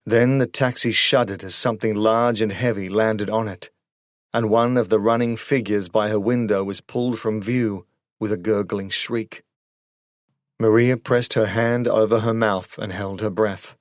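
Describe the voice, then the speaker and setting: A man narrating a horror audiobook in a measured, suspenseful storytelling manner on a close studio microphone. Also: fairly low pitch, steady tone, no echo.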